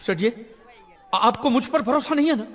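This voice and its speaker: A scheming melodramatic uncle. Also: male voice, very high voice, expressive, moderate pace, fairly bright tone, a faint crowd. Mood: mock tearful. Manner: melodramatic, mock-tearful pleading. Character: scheming man pawning his nephew.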